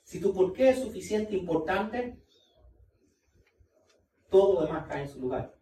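A man preaches a sermon with a mellow, darker tone, pressing his points and repeating them to the congregation. He sounds a bit off from the mic, and the room gives back a clear echo with faint noise behind him. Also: high-pitched, expressive, a little slow, distant mic. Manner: emphatic, repeats key points, talks directly to the congregation. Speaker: pastor.

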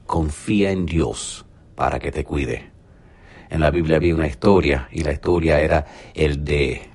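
A man preaching a sermon in an earnest manner, slowing down to stress key phrases. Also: a bass voice, vocal fry, slightly rough. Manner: earnest, slows for emphasis.

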